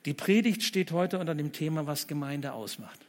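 A male preacher giving a sermon, reading a humorous text aloud slowly and deliberately. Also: fairly high pitch, lively intonation.

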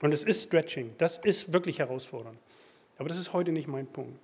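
A man preaching a sermon, swinging from loud emphatic bursts to quiet asides. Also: fairly high pitch, brisk, husky. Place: church.

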